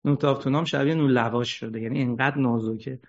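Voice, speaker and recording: A man giving an ethics lecture, animated, asking rhetorical questions and joking wryly. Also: mid-range voice. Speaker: religious lecturer. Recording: dull lo-fi recording.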